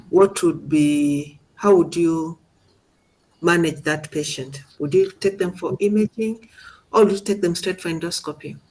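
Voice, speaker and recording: A middle-aged woman with a lowish, slightly mellow voice, a radiology instructor, teaches an informal seminar, explaining step by step and asking questions along the way. The recording is rough.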